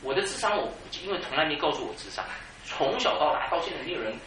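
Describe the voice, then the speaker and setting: Animated man preaching. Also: on the high side, very fast, a crowd in the background. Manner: animated storytelling, laughing at his own jokes. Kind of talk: sermon. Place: church hall. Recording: echoey church hall, mic far off, noisy.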